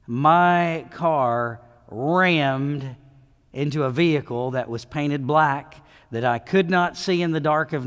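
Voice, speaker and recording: Middle-aged man, pastor, passionate sermon voice, slightly high, church reverb. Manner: impassioned preaching, calls to the altar. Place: church sanctuary. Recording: long reverb of a church hall.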